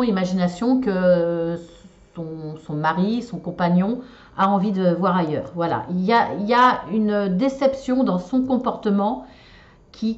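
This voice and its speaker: A woman giving a relationship card and shell reading to viewers, talking in a hesitant, casual way with many fillers and restarts. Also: mid-range voice. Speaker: tarot and shell reader. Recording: slightly dull lo-fi sound.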